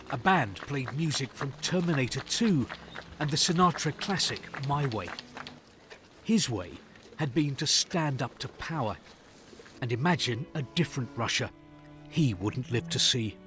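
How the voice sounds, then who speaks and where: A man narrating a scripted news report as a correspondent, solemn and measured, in short phrases. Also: mid-range voice, animated, music in the background.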